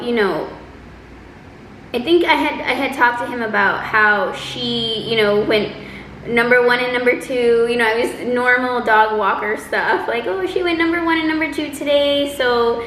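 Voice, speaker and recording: A woman telling a personal story in a casual, chatty, animated way, acting out quotes as she goes. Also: a little high. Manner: animated, exaggerating delivery with acted-out quotes. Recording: roomy echo, faint background noise.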